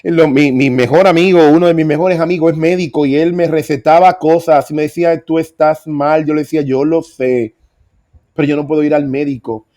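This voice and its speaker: A man's voice: fairly high pitch, steady tone, brisk, mellow. A middle-aged man preaching, telling his own story with earnest emphasis. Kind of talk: sermon testimony.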